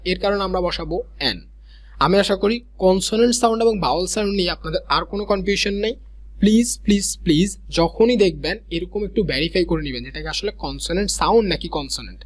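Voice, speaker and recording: A young man teaching a grammar lesson, explaining step by step and reading English examples slowly. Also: on the high side. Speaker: grammar tutor.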